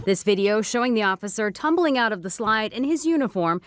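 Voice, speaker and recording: A woman's voice: mid-range voice, expressive, a little fast, dry recording. A woman working as a television news reporter, reading scripted narration in a broadcast clip. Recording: news clip with clear background noise.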